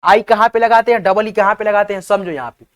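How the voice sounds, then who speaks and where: Speaking fast in a medium-pitched voice, this woman leads a whiteboard spelling lesson. She patiently spells every word one letter at a time and keeps making sure her viewers understand.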